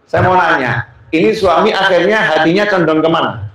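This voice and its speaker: Male preacher, high voice, slow teasing delivery, very echoey hall. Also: animated, noisy background. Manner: asks the audience questions, teasing. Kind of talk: sermon.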